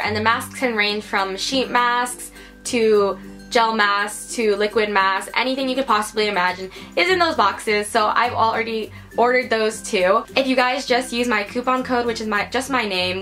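Casting: young American woman, twenties, bubbly beauty vlogger, slightly high and bright voice, faint music bed. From United States. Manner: chatty and upbeat, lots of "like" and "you guys". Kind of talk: casual product haul talk to camera. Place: her room indoors.

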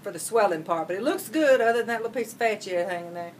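A woman's voice: mid-range voice, lively intonation, rapid-fire, slight background noise. Woman in casual bedside chat.

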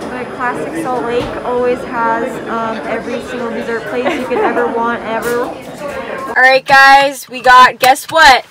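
A young woman hosting a casual vlog, bubbly and excitable and quick to laugh. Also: on the high side, a crowd in the background. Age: young adult. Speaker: vlogger host.

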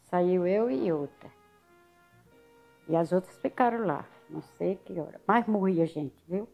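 An older woman with a Northeastern Brazilian accent from Alagoas recounts her experiences in a relaxed interview. Her voice sits low and sounds dark and gravelly. She tells her story lively and acts out other people's words, with faint music playing underneath. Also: unhurried.

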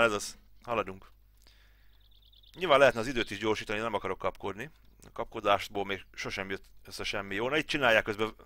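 A man's voice: medium pitch, pushed and bright, dry recording. A man in his thirties from Hungary, casually thinking aloud as he plays through a farm game tutorial at home. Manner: thinking aloud, chatty, mutters to himself. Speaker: gaming channel host.

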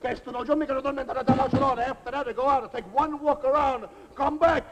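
A fast-talking man with a very high voice plays a jovial Italian cook from the old country, rambling in accented, broken English. It's a live comedy sketch, captured on a noisy old recording with the audience laughing.

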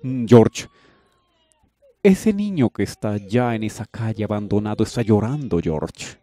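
A man voicing a gentle, tender rich young man who soothes and cares for others. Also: on the low side, expressive, unhurried, dry recording. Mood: urgent. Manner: soothing, affectionate, indignant at injustice.

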